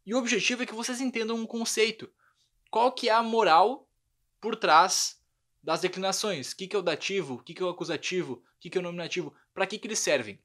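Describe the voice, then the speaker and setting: A young man giving a lively online language lesson, often checking in with his students. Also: sits high, a little fast. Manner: lively explanatory, frequent check-ins. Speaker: language teacher.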